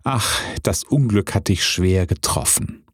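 A man voicing an excited, fretting village crowd with lamenting, exclamatory speech. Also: sits low, measured pace, breathy edge, dry recording, studio quality, full character voice. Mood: reproachful.

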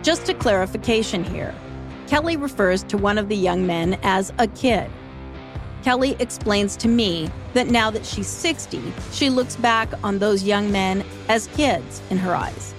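A woman host delivering scripted true-crime narration in a measured way. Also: mid-range voice, over music.

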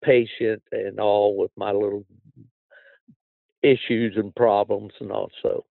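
A man's voice: fairly low pitch, flat delivery, slow, gravelly, no echo, phone-quality sound. An older man hosts a casual outdoors podcast in a folksy, plain-spoken way. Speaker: podcast host.

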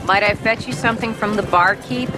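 A woman acts as a medieval theme restaurant wench in a film comedy. She recites archaic phrases deadpan, with music clearly behind her. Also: mid-range voice, a little fast, lightly acted. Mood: routine politeness.

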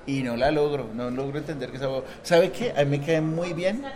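A man's voice: a little high, a little fast, a little mellow. A man, co-hosting a podcast in a joking, slangy way. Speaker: podcast co-host. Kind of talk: casual podcast chat.

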